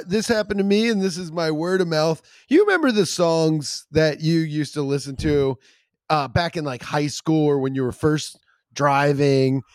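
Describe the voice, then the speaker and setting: A man co-hosting a podcast in casual banter, swearing and joking through lively rants. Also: fairly high pitch, clean tone, dry recording, clean studio sound. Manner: swearing, animated, jokey rants. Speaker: podcast co-host.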